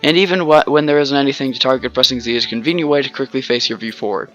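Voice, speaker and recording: A man reading aloud a chatty tutorial guide from a video game who keeps cheerfully explaining the controls. The voice is bright and forceful, with faint music behind it. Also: medium pitch, racing, lo-fi sound, lightly acted.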